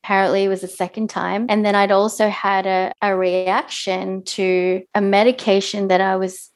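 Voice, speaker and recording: A woman's voice: medium pitch, little pitch movement, normal speed. A young woman, a life coach, telling a personal story in an interview, earnest and often laughing. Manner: earnest, laughs often, acts out her past self.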